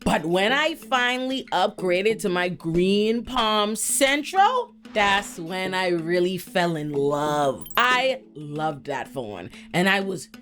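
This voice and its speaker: Woman in her 30s from the bahamas doing a comedy vlog rant, swears a lot, laughs, voice a bit high and bouncing all over. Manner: animated, profane, laughing storyteller. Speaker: video essay host. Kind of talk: scripted comedic commentary.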